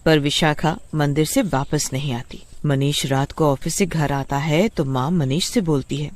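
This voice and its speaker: A man's voice: fairly high pitch, steady tone, unhurried. Man narrating a kids' story.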